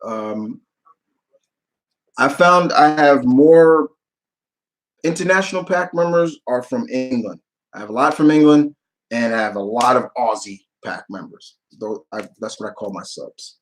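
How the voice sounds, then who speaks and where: Reading audience questions aloud before replying, this male livestream host improvises his answers haltingly and circles back over the same phrases. The medium-pitched voice comes through on a rough recording.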